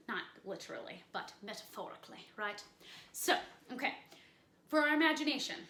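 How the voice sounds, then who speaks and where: A woman teaching a children's acting workshop from a room at home, upbeat and talking straight to the kids watching, with a fairly flat delivery. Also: sits high, echoey room.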